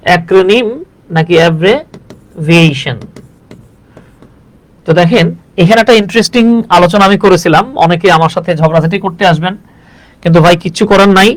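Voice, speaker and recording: A man's voice: high voice, a little fast, pauses often, low-quality recording. A man from Bangladesh giving a chatty live English lesson, teaching in Bengali and calling viewers brother.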